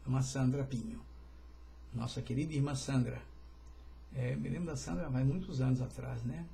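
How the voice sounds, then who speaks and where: A man's voice: mid-range voice, steady tone, moderate pace, gravelly, dark tone, slight background noise. A man, a pastor, teaching an informal livestreamed Bible study in a chatty way, with joking asides and greetings to viewers.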